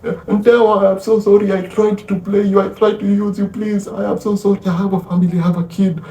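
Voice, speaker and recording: A panicked, corrupt politician pleading frantically, his voice pushed high, played by a man. It sounds distant from the mic in an echoey room. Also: little pitch movement, brisk, warm tone. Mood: terrified.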